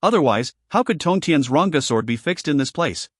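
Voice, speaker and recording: Male audiobook narrator, steady read, slightly high voice, dry close-miked sound. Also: moderate pace, no echo. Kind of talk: scripted narration.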